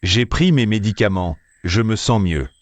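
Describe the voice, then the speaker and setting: A man dubbing a brooding, possessive tough schoolboy, talking low, slow and blunt. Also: expressive, no room sound. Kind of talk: French dub of a series.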